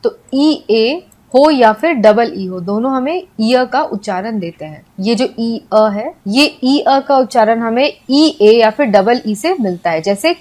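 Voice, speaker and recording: A young woman teaching an English pronunciation lesson, explaining step by step and repeating example words slowly. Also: a little high, lively intonation, darkish tone.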